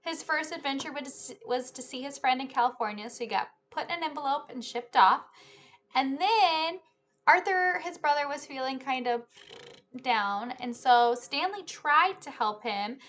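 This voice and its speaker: Her high, expressive voice is fairly bright and keeps a moderate pace as she reads a children's book aloud. The woman, in her thirties, hosts like a teacher, explaining things and addressing the kids as friends from a small living room or home office.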